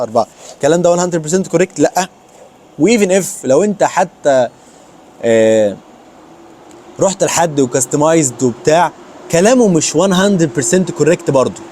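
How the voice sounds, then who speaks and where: A young man with an Egyptian accent, giving casual advice in his vlog and mixing English words into his speech. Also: fairly high pitch. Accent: Egyptian Arabic. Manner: rapid, animated, mixes English words into Arabic. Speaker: vlogger.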